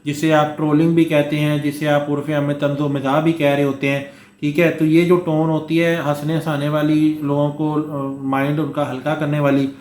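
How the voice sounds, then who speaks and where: A man's voice: on the high side, a little mellow. Coughing male instructor in an echoey room. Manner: explains with frequent "theek hai" check-ins and fillers. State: short of breath, coughing at times. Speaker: course instructor. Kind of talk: Hindustani lecture mixed with read-out English.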